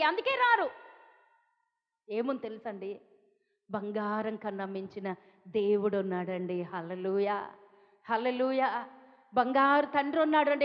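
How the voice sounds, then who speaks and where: High-voiced Telugu woman preaching in a hall. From India. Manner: emphatic repetition, rhetorical questions, pleading. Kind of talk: sermon. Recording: dull sound with long hall reverb.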